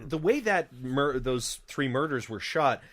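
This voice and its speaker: Young male co-host, mid pitch, laid-back, agrees a lot, casual film chat. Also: unhurried. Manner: relaxed, agreeable, many fillers and restarts. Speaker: podcast co-host. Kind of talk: casual movie review chat.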